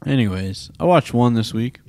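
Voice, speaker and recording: A man's voice: mid-range voice, animated, normal speed, darkish tone, no room sound. A young man co-hosting a podcast, talking casually and joking at his own expense about movies. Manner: joking, self-deprecating, laid-back. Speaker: podcast co-host. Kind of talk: casual film review chat.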